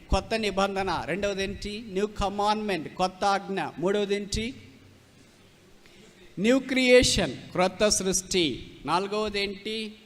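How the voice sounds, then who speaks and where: A male preacher from Rayalaseema giving an emphatic sermon, repeating key phrases and mixing in English terms. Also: high voice. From Rayalaseema, India. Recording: long hall reverb.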